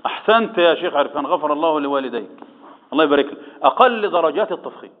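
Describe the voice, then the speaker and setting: A slightly high, animated male voice races through a tajweed lesson in Egyptian-accented Arabic. He quizzes his students on Quran recitation rules and answers his own questions, and the sound is echoey and tinny, as if through a phone.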